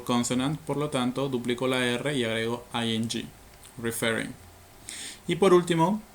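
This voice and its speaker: A man's voice: mid-range voice, fairly bright tone, a little hiss or hum. Patient, methodical male English teacher. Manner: patient, methodical, many fillers and tag questions. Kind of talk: explaining grammar rules to learners.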